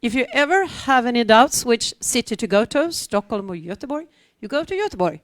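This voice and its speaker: A woman's voice: fairly high pitch, very animated, brisk, dry recording. A middle-aged woman from Sweden speaking on a conference panel about her vocational school, chatty with wry asides and many fillers. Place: conference hall, standing before an audience.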